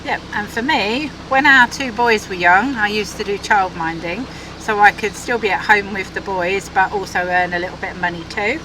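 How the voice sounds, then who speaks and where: A woman's voice: medium pitch, normal speed. A middle-aged woman from Essex with an Essex accent, chatting and laughing easily as she reads out viewer questions. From Essex, England. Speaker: vlog co-host. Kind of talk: casual chat. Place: outdoors on a moving narrowboat. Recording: outdoor noise from boat and traffic.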